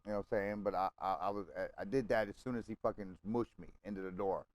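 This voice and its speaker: A man's voice: on the low side, fairly even intonation, fast talker, poor audio. A man telling a long personal story to friends over game chat, swearing freely, rambling, and often checking in with "okay?" and "right?". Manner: profane, rambling, keeps checking in with listeners. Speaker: gamer chatting with friends.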